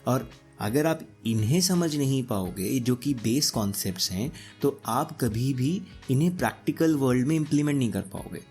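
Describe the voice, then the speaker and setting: A man's voice: medium pitch, expressive, moderate pace, a little mellow, soft background music. A man with a sore throat teaching a casual lecture, explaining step by step and often checking in with his students. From Punjab.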